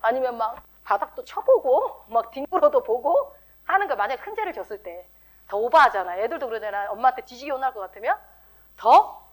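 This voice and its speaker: A woman pastor giving a lively, teasing sermon and acting out the voices of the people she describes. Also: on the high side, brisk. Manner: lively, teasing, acts out quoted speech.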